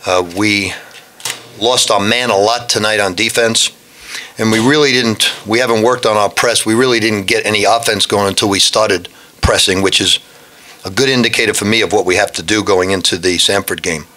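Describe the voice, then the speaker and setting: A man's voice: on the low side, steady tone, moderate pace, sharp tone. A man in his sixties, a head basketball coach answering reporters frankly at a post-game press conference, speaking into a desk microphone and often restarting his sentences. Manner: blunt, frank, with frequent restarts. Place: press room in front of a backdrop.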